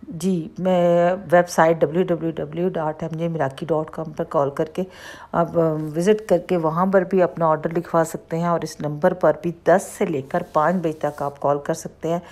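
Pakistani lady makeup artist talking you through each step, chatty, kinda low voice. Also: steady tone, normal speed, a little mellow. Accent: Pakistani Urdu. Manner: chatty, explains each step as she goes. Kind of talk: tutorial voice-over.

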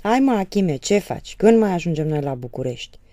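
A woman's voice: lowish voice, animated, warm tone, no echo, lightly acted. A woman reading the part of an impatient young village man in an audiobook.

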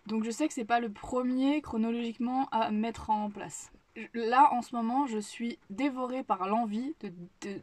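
Her voice sits on the high side and sounds a little mellow. She's a young Parisian-region vlogger chatting informally in her home kitchen, musing aloud and frequently starting over.

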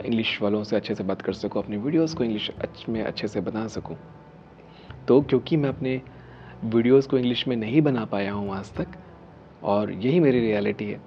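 A man in his thirties, a spiritual healer hosting a video, earnestly walks the camera through a method, raising his voice to stress key phrases and at times sinking to a whisper. His voice sits lowish with a darkish tone, and the dull audio carries a slight hiss or hum. He's on a studio set with a dark curtain and a statue.

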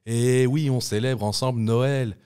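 A man's voice: mid-range voice, steady tone, measured pace, darkish tone, clear, resonant tone. A young man co-hosting a casual podcast in a studio, joking around and breaking into bits of song. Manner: playful, breaks into snatches of song. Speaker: podcast co-host.

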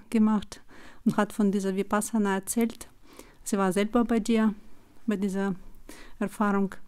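A woman introducing herself at a retreat, halting and simple in her phrasing. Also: medium pitch, a little mellow. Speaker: retreat participant. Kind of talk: casual spoken introduction.

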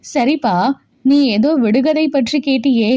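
A woman's voice: sits high, unhurried, warm tone, highs cut off. A woman voicing a loving, anxious middle-aged mother who speaks fondly and with worry to her son. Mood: fond, worried. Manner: fond, worried.

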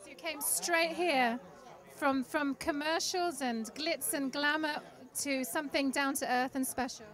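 A woman interviewing guests at an outdoor charity event, upbeat and encouraging, with quick follow-up questions. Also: high voice, fairly even intonation, fairly bright tone. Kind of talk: red-carpet style interview questions.

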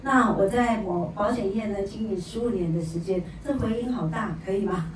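A woman giving an energetic sales talk at a seminar, her voice booming with heavy echo in a large hall. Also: fairly quick, a little hiss or hum. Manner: energetic, prompts the crowd for replies. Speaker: seminar speaker. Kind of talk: motivational sales talk to an audience. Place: large event hall indoors. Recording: booming echo in a big hall, mic far off.

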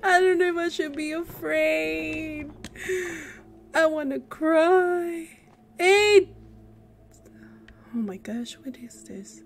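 High-voiced, unhurried woman gamer. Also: vocal fry, a little hiss or hum. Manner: talks to the game characters, jumpy and giggly. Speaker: let's play gamer. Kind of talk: casual gameplay commentary.

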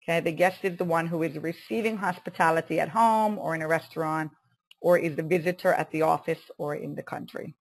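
Gravelly-voiced woman teaching English online. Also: low voice, fairly even intonation. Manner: slow, careful pronunciation drills with many "okay"s. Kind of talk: online webinar lesson.

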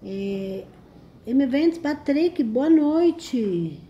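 Brazilian woman, livestream host, warm mellow tone, chatty and teasing. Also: high voice, animated, extremely slow, muffled recording, a little hiss or hum. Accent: Brazilian Portuguese. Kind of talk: casual live chat, reading comments.

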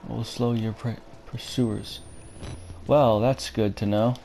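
A man's voice: on the low side, fairly even intonation, slow pace, gravelly, warm tone. A man with a dry throat streaming a horror game, uneasily muttering and swearing at the characters as he comments casually. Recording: faint background game ambience noise.

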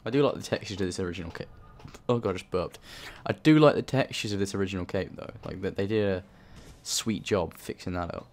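A man's voice: low voice, fast talker, darkish tone. A man hosting a let's play, rambling and swearing through his gameplay commentary. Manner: swearing, rambling, self-talking. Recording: voice under game noise.

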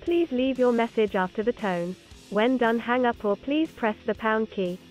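A woman's recorded voicemail greeting, heard over a phone line as a flat automated system prompt. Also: fairly high pitch, moderate pace, faint music behind.

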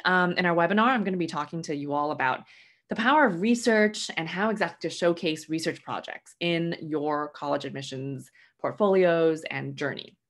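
A woman's voice: low-pitched, fairly bright tone. A young woman from Hong Kong presenting an online webinar lecture, friendly and full of "um" fillers. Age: young adult. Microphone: webcam mic at home, video call.

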